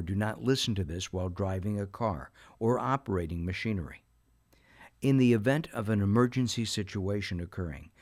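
Male announcer for scripted intros and notices, voice slightly on the low side. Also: a little mellow.

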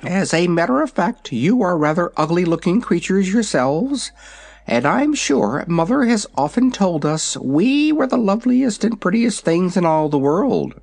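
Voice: mid-range voice, sing-song, a little slow, creaky, a little mellow, voice pushed up, heavily acted. A storybook reader voicing a proud, hungry young dragonette in a lofty, matter-of-fact manner. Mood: haughty.

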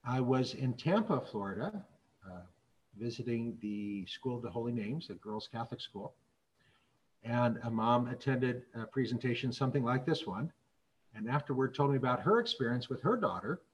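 A man's voice: mid-range voice, animated, rough recording. Earnest middle-aged male speaker. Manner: earnest, measured storytelling. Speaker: physician and speaker. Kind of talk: public talk with stories.

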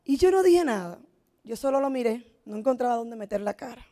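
A woman's voice: on the high side, lively intonation, fairly quick, warm tone. A middle-aged woman who gives a motivational business testimony and tells her story with emotion and drama. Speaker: network marketing speaker.

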